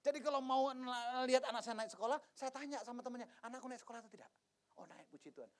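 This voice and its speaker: A man in his fifties from Indonesia, a pastor telling stories in a sermon, swinging from hushed asides to loud exclamations and acting out the dialogue. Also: very high-pitched, quick pace. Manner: acts out dialogue in different voices. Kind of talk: sermon with personal testimony.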